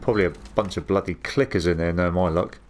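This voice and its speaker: A man's voice: low-pitched, steady tone, quick pace, a little mellow, a little hiss or hum. A man giving casual, chatty commentary over a video game, swearing now and then. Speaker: gameplay commentator.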